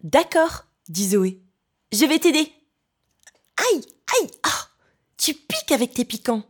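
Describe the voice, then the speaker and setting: A woman voicing a kind little girl in a storybook reading, with a bright, childlike delivery. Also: sits high, very animated, slow, husky, exaggerated voice. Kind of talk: storybook narration.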